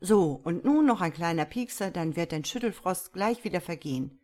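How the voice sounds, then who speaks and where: A friendly male paramedic who talks kindly and reassuringly to a child, read out by a woman in a storybook. His manner is warm in tone and calming. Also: lowish voice, moderate pace, natural voice.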